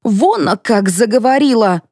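A woman's voice: fairly high pitch, very animated, darkish tone, dry recording, clean studio sound, voice pushed up. A woman reading a vengeful, screaming middle-aged woman who demands money, in an audiobook. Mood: furious. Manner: screaming, demanding, raised and drawn-out. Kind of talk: audiobook character voice.

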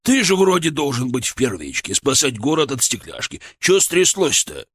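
A man voicing a stern senior surgeon who talks slowly and wearily, brushing off a request. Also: medium pitch, huge pitch swings, a bit bright, husky, no room sound, studio quality, heavily acted. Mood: puzzled.

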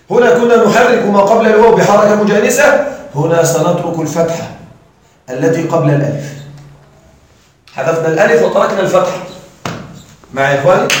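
High-voiced man teaching in an echoey room. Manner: checks in often with students, repeats examples slowly. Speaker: grammar teacher. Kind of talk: classroom grammar lesson. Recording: very echoey room, mic far off.

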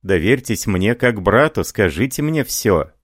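A man's voice: fairly low pitch, sing-song, unhurried, dry recording, clean studio sound. A man playing an ardent, devoted young French lieutenant who speaks fervently and pleadingly.

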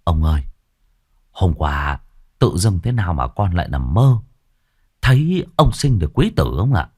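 A sly, fawning village servant in an audio storybook, pitched up above the storyteller's deep voice, as a man puts him on. He wheedles and coaxes with lively, bouncing inflection. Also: measured pace, husky, full character voice. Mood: coaxing. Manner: fawning, coaxing, polite.

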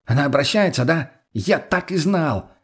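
A man voicing a crude, excitable young man who gripes and swears, in a husky voice. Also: a little high, brisk, voice pushed up. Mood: alarmed. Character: jumpy foul-mouthed young man, crude joker.

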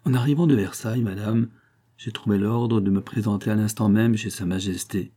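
Man doing a serious formal count, earnest, kinda low and husky. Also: steady tone, brisk, mellow. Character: grave loyal nobleman, a count.

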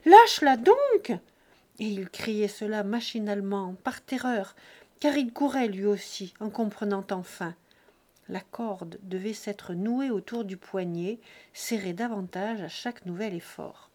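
A woman narrating a classic novel as an audiobook, in measured, expressive phrasing with short breath groups. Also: medium pitch. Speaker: audiobook reader.

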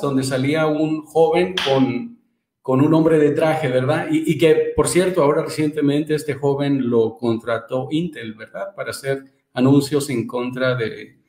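A Mexican man in his thirties chats casually as a podcast guest in an interview, often repeating words as he starts a thought. His voice is a little high and a little mellow, and the recording is rough and reverberant.

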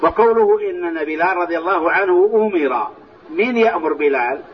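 Quick high-voiced older sheikh, distant lo-fi tape. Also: male voice, animated. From Saudi Arabia. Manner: explanatory, recites phrases of the call to prayer softly. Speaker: sheikh teaching a hadith lesson. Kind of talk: classroom lesson explaining hadith. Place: large mosque. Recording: distant, dull, lo-fi old recording with faint hiss.

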